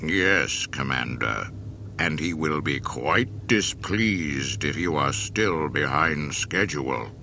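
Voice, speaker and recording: An actor playing a menacing, cold and commanding dark lord in armor, speaking with a measured, deep menace. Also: male voice, animated, full character voice. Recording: film soundtrack with rumbling noise.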